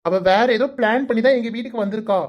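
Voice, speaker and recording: A woman's voice: fairly high pitch, fast talker, lo-fi sound, lightly acted. A woman voicing a teasing, exasperated young man in a cartoon, with a Kanyakumari Tamil accent, coaxing and playfully scolding. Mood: pleading. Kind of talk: cartoon voice acting.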